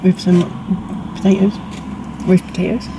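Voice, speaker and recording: A woman's voice: lowish voice, level tone, normal speed. A young woman chatting casually as co-host over a meal, in short, informal phrases. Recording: clear background ambient noise.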